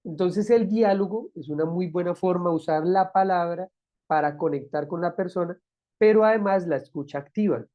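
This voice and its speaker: A man's voice: high-pitched, moderate pace, dull audio. A man teaching a recorded lecture, explaining patiently and repeating key phrases. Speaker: instructor.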